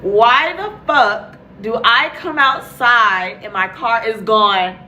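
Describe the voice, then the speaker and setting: A woman's voice: on the high side, takes it slowly, noisy background. A young adult woman telling a casual, profane story to her viewers, blunt and chatty, acting out her own reactions.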